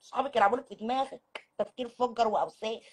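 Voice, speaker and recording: A woman's voice: on the high side, very fast, a little mellow, husky, voice pushed down. A woman playing a middle-aged Egyptian mother who nags and tearfully pleads with her daughter to marry. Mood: insistent nagging. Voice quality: whiny, crying-tinged pleading.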